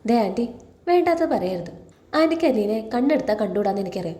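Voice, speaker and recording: A woman's voice: fairly high pitch, expressive, quick pace, dark tone, roomy sound, natural voice. A woman reading the lines of a young man in love, earnest and stubborn, in a serial recap. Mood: defiant. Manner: defiant, sulking protests.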